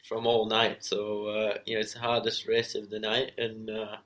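A man's voice: on the low side, monotone, moderate pace, fairly bright tone. A man giving casual interview answers as a racer, modest and understated, with many conversational filler phrases. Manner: modest, understated, leans heavily on "you know". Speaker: professional motorcycle racer being interviewed.

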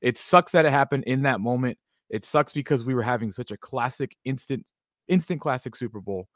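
A man's voice: mid-range voice, fairly quick, fairly bright tone, no room sound, studio quality. A man co-hosting a sports talk radio show, emphatic and opinionated. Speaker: radio co-host.

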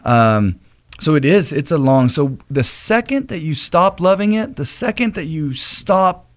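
A man's voice: a little high, animated, a little slow. Studio guest: earnest, talkative man, casual, many restarts. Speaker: retired baseball pitcher, studio guest. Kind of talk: casual interview chat.

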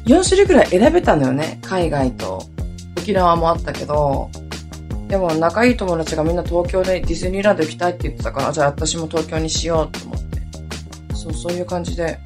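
A woman around thirty hosting her own podcast, hoarse today and chatting in a lively, rambling way with many asides. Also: on the low side, fairly quick, music in the background. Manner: chatty, animated storytelling with lots of asides. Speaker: podcast host. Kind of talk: casual solo podcast chat.

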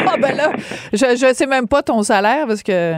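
Lively Québécois woman radio host. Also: high voice, dry recording, studio quality. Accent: Québécois French. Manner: lively, quick to laugh and chime in. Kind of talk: radio talk show hosting.

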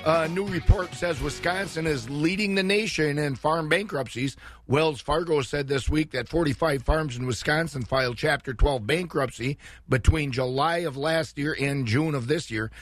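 Higher-voiced man reading radio news. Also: moderate pace, dry recording. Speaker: morning radio news host. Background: faint music.

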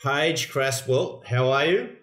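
A man's voice: medium pitch, slow pace, a bit bright, roomy sound. An Australian man hosting a podcast, talking with a guest in a friendly, bantering way. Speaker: podcast host. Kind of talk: casual interview chat.

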